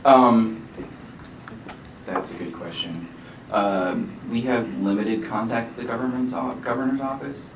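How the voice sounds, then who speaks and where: A man representing an agency at a meeting, answering questions haltingly with many fillers. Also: medium pitch. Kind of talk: meeting discussion. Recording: echoey room from far off, loud noise.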